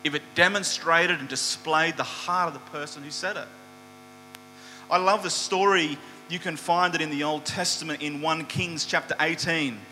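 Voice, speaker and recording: Male preacher, slightly high, very bright voice, animated storyteller; hall reverb, faint hum. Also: moderate pace. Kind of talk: sermon.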